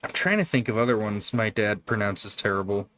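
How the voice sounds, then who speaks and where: A man's voice: lowish voice, a little fast, fairly bright tone, slight background noise. A man hosting a casual livestream, chatting with viewers in a rambling, profane way. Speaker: livestream host. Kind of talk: casual live-stream chat.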